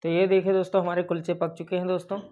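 A man's voice: sits high, little pitch movement, racing. A young man, host of a baking channel, talking viewers through a recipe step by step and addressing them as friends over and over. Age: young adult. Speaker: baker and cooking channel host. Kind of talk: cooking tutorial voice-over. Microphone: lapel mic. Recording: dull lo-fi sound.

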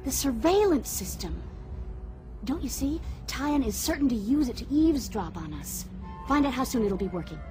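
Shrewd young princess, proud and assertive, fairly high voice, radio drama with music. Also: female voice, sing-song, moderate pace. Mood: determined. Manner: poised, assertive.

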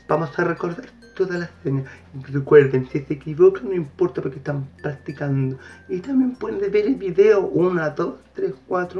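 A Chilean man leads an online sign language class at a slow, deliberate pace. He calmly repeats each word as he shows its sign. The recording sounds dull and lo-fi, with faint music underneath. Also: a little high. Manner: calm, repeats each word slowly while demonstrating signs. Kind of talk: online lesson.

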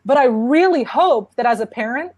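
Earnest woman with a fairly high voice. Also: expressive, moderate pace, a little mellow, no echo. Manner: earnest, conversational, many restarts. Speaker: panel speaker on parenting. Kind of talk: casual conference talk.

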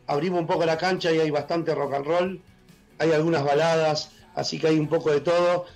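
Argentine guy with a worn husky voice, kinda high, chatting excited on a video call, soft music behind. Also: poor audio. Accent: Argentine Spanish. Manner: enthusiastic, halting with fillers. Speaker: blues musician guest. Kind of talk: casual radio interview. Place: room at home, joining by video call.

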